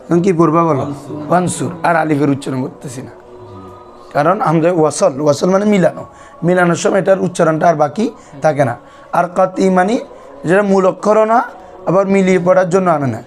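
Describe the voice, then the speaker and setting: A man teaches a grammar class. He drills his students, repeating key terms and asking them back for answers. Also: sits high. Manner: quizzes students with repeated questions. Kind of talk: classroom lesson.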